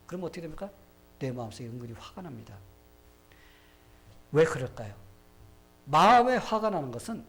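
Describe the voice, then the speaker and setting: Man from Korea, pastor, sermon, fairly high voice, rhetorical questions. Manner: rhetorical questions, acts out quoted people. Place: church sanctuary.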